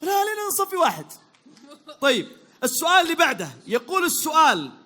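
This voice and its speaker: A Saudi man hosting a quick quiz for a crowd, upbeat and teasing, repeating praise and calling out to the audience. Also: very high voice, huge pitch swings, sharp tone. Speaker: quiz host at a public event.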